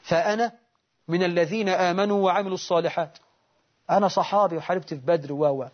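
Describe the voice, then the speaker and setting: A man's voice: high voice, quick pace. A man voicing an indignant early companion. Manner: pleading, quotes scripture in his defense. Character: indignant early male companion defending himself. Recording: dull lo-fi recording.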